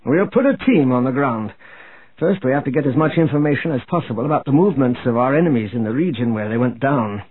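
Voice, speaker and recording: A man voicing a calm, authoritative male military commander in an audiobook. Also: mid-range voice, fast talker, crowd noise, lightly acted. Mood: firm. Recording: tinny phone-like audio.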